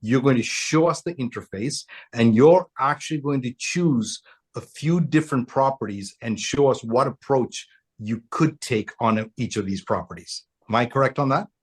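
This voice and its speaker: A man with a somewhat husky voice co-hosts a webinar over a video call. He sounds upbeat as he introduces a guest in a casual way. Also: mid-range voice, moderate pace.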